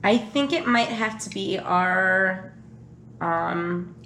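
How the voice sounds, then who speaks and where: A woman co-hosting a casual question game, chatty and thinking aloud with frequent pauses. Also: mid-range voice, a bit bright. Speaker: channel co-host answering questions. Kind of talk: casual chat. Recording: echoey room with faint noise.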